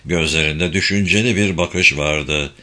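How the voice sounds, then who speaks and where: Man narrating a novel, bright-toned. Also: a bass voice. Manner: steady, measured storytelling. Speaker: audiobook narrator. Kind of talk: scripted narration.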